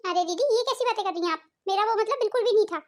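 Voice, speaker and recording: A woman voicing a calm, polite young daughter-in-law in a cartoon family drama, placating and reassuring. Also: very high-pitched, racing.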